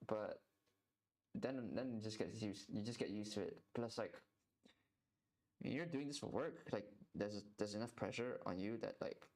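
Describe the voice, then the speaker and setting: A fairly low, slightly mellow male voice comes through a low-quality recording as a young man draws on a live stream. He chats loosely, rambling and often repeating words mid-thought.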